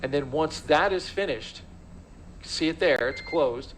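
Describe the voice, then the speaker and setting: A man's voice: on the high side, a little slow, low-quality recording. A man hosting live launch commentary, narrating events as they unfold. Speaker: broadcast host. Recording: faint background noise.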